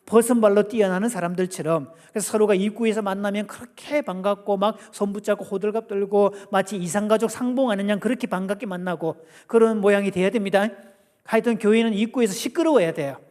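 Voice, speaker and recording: A man giving a lively church family seminar, playfully asking the audience questions and acting out quotes. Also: high voice, fast talker. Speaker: guest seminar lecturer. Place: church sanctuary. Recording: long church hall reverb.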